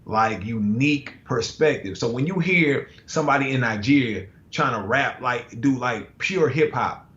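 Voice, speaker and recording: A guest artist from the United States chats casually over a video call in a medium-pitched, slightly bright voice, at a measured pace with few pauses. He's laid-back and slangy, full of fillers and restarts, and the call audio is roomy, dull and lo-fi.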